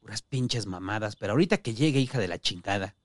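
A man voicing a foul-mouthed, short-tempered crippled male dealer, harsh and full of shouted curses. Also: medium pitch, animated, fast talker, dry recording, clean studio sound, close to an everyday voice. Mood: muttering angry. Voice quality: harsh, cursing, shouting bursts.

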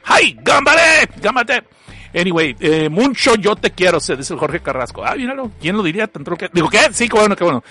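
A man's voice: on the high side, a bit bright. A man from Mexicali with a northern Mexican accent, hosting a livestream and reading out chat messages in a joking, slangy way that is full of laughs. He has a cough. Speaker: livestream host.

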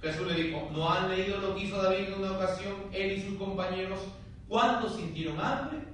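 A man, a friar, teaching a theology class, reading scripture aloud and explaining it in a lively, conversational way while he questions his students. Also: high voice, a little fast. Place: lecture room. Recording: very echoey room, far from mic, faint hiss.

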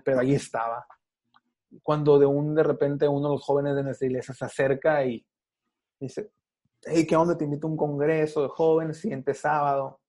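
Slangy Mexican man telling a story, mellow voice. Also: a little high. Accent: Mexican Spanish. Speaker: guest. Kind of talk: casual testimony.

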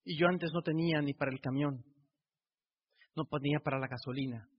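This emotional motivational talk comes from a middle-aged, Mexican Spanish-accented man who layers repeated rhetorical phrases into build-ups. His higher-pitched voice is brisk with a breathy edge, and the recording in a reverberant hall sounds dull.

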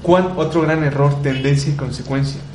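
A man's voice: fairly high pitch, fairly even intonation, moderate pace, a little mellow, reverberant, slight background noise, rough recording. A man giving earnest commentary, asking rhetorical questions and repeating words for emphasis. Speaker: radio host. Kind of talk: reflective commentary on environmental issues.

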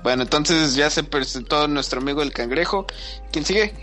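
A man co-hosts a gaming podcast. His voice is pitched a bit high and sounds bright and forceful. He jokes crudely with his friends while faint music plays behind. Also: normal speed. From Nuevo León, Mexico. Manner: joking, crude banter. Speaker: podcast co-host. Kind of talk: casual gaming chat.

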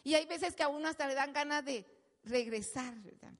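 A woman preaching a sermon in a church, animated, acting out quotes and calling the congregation "hermanos". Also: sits high, a little fast. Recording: long hall reverb.

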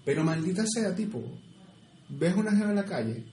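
A young man co-hosting a podcast, joking and swearing casually in quick bursts. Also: high voice, lively intonation, warm tone. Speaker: podcast co-host. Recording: echoey room with faint noise.

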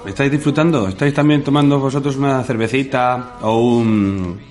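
A man from hosting a casual chat about films, relaxed and talking straight to his listeners. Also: medium pitch, moderate pace, faint music behind. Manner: relaxed, chatty, addresses listeners. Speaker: podcast host.

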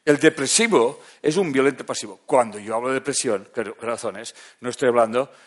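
A man giving a lecture as a therapist, talking conversationally and often checking that the audience is following, dropping soft and low then rising into loud emphatic bursts. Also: a little fast.

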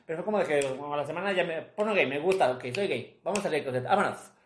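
A man's voice: rapid-fire, a little hiss or hum. A young man with a Mexican accent, co-hosting a casual chat in a playful, laughing way. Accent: Mexican Spanish. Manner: playful, laughs often, acts out his own past lines in a high camp voice. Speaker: podcast co-host. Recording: echoey room.

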